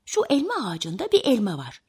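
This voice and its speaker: A woman voicing a hungry, pushy little rabbit in a high, whiny voice. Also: huge pitch swings, brisk, a little mellow, breathy edge, full character voice. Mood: pleading.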